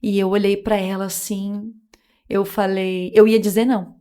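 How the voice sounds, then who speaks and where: A woman shares her faith testimony in a relaxed podcast chat. She speaks earnestly and with feeling, often slipping into the voices of remembered conversations. Her pitch sits in the middle range. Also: moderate pace, clean tone. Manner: earnest, emotional storytelling with quoted dialogue. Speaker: podcast guest.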